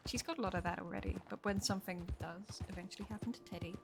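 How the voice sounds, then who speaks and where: A woman streamer with a mid-range, vocal-fry voice talks fast in a loose, rambling way, swearing now and then. She's chatting casually while playing a role-play game, with game music and horse hooves behind her.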